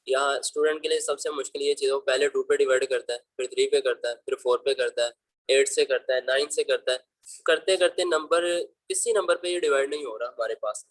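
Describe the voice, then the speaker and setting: This man has a mid-range voice with fairly even intonation and talks fairly quickly while teaching school math over slides. Patient and fatherly, he walks students through each problem and calls them "beta" with affection. The recording lacks echo but sounds poor.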